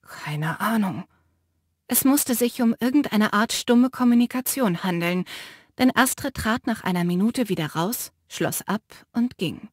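A woman narrating a fantasy audiobook in the first person with measured, expressive storytelling on a close studio mic. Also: on the high side, no echo.

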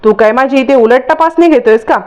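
A scheming young woman who poses as a rich man's daughter talks back defiantly and haughtily, as a woman narrator reads her. Her lines come out a bit higher than the narration. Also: fairly quick, a little mellow, highs cut off, natural voice. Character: lying young woman, arrogant impostor daughter.

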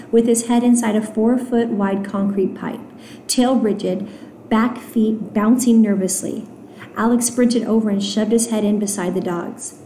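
Mellow woman teacher reading aloud. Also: medium pitch, a little hiss or hum. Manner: gentle, explanatory classroom asides with fillers. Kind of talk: reading a novel aloud to students. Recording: roomy echo.

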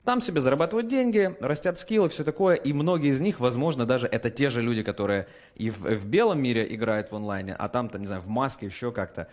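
A man hosting an online interview, asking long rambling questions with animated asides. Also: medium pitch, fast, hardly any pauses. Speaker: interview host.

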